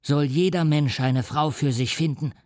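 A man's voice: mid-range voice, a little slow, no room sound, studio quality. A male audiobook reader voicing a lonely, wronged creature who turns vengeful, speaking in a choked, menacing voice. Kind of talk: audiobook reading.

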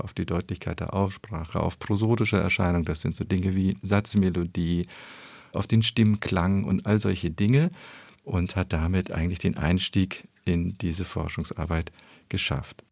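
Low gravelly-voiced male researcher. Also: steady tone, a little mellow, dry recording. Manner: measured, analytical explaining. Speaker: speech effect researcher. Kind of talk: expert interview explanation.

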